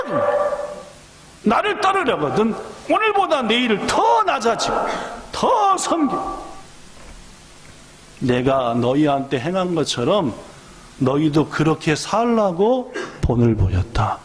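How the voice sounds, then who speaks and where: A man preaches a sermon from a church pulpit, his voice pitched high and rising and falling sharply. He keeps quizzing his congregation and acting out the voices in his story. Long church reverb trails every phrase. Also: takes it slowly, pauses often, slight background noise. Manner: lively, questions the congregation and acts out voices. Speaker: pastor. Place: church sanctuary.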